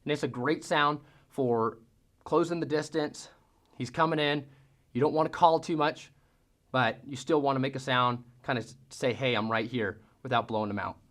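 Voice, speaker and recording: This folksy instructor explains hunting calls in an easygoing how-to, demonstrating the sounds by mimicking them himself. His voice is medium-pitched and a little bright, at a moderate pace.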